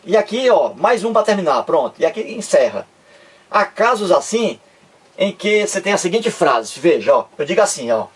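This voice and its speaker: A man teaching grammar to online viewers in a casual lesson. He keeps saying "look here" and slows way down to stress example phrases. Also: high voice, big pitch swings, slightly rough.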